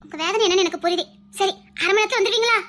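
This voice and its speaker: A woman with a Tirunelveli Tamil accent, voicing a kind female police constable in an animated story who speaks in a reassuring, obliging way. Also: extremely high pitch, very fast.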